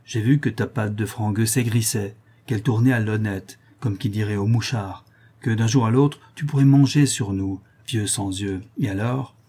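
A man's voice: on the low side, moderate pace, mellow, slightly rough. A man voicing a cruel, mocking old woman villain in an audiobook reading, taunting in thieves' slang. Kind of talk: audiobook character voice.

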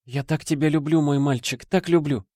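A man's voice: a little high, fairly even intonation, moderate pace, a little mellow, dry recording, clean studio sound, pitched above the performer's own voice, close to an everyday voice. A man voicing a grieving middle-aged mother who pleads with her son. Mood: tender. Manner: pleading, emotional.

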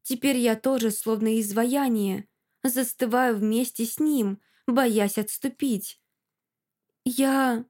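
A woman narrating a first-person audiobook with an expressive, emotional reading. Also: a little high, takes it slowly.

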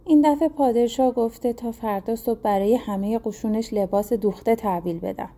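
A woman's voice: fairly high pitch, warm tone, close to an everyday voice. A woman voicing a worried poor fisherman. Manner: anxious, complaining.

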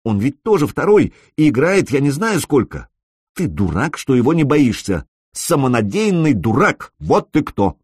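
A man reading an audiobook, voicing a young woman gamer who is anxious, clingy and quick to scold. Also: mid-range voice, sing-song, darkish tone, husky, no room sound, clean studio sound, pitched above the performer's own voice.

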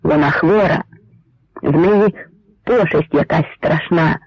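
A man's voice: on the high side, slow, breathy edge, no echo, exaggerated voice. A man voicing a frightened but cunning old village man who pleads and whispers with a trembling voice, on a dry, slightly muffled recording. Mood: pleading.

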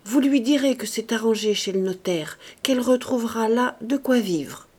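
A woman voicing a gentle, ailing elderly male doctor who speaks in a weak murmur. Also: fairly high pitch, animated, moderate pace, slightly rough, pitched above the performer's own voice. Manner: murmured, faint.

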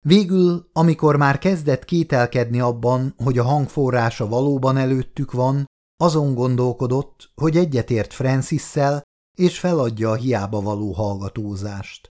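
Guy narrating a sci-fi audiobook, steady dramatic read, mid pitch.

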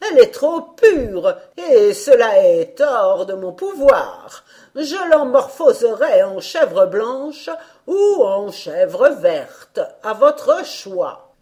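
A woman voicing an old fairy in a storybook reading, speaking slowly and loudly in grave pronouncements. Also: fairly high pitch, big pitch swings, voice pushed up, full character voice. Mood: solemn. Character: old fairy, powerful and solemn.

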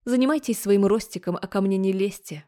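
A woman's voice: medium pitch, fairly quick, mellow, close to an everyday voice. A woman voicing a defiant, sarcastic young heroine in an audiobook. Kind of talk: audiobook character voice.

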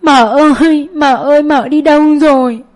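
A woman reading an audiobook, voicing a timid, bewildered young boy with a small, higher voice. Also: fast, a little mellow, natural voice. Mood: crying.

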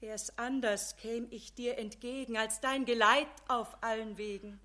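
A frail, sick figure of good deeds who pleads tenderly in a Bavarian radio play. Her voice sits fairly high and comes slowly and weakly. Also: fairly even intonation, pushed and bright. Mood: pleading. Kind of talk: broadcast radio play acting.

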